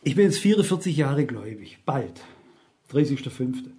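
A man's voice: medium pitch, sing-song, moderate pace, vocal fry, dark tone. A man in his sixties preaching a sermon, emphatic and constantly asking his listeners rhetorical questions.

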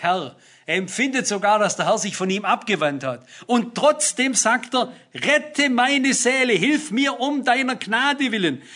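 A man's voice: sits high, pushed and bright, slightly rough. A man preaching a sermon, reading Bible verses aloud and explaining them earnestly and emphatically.

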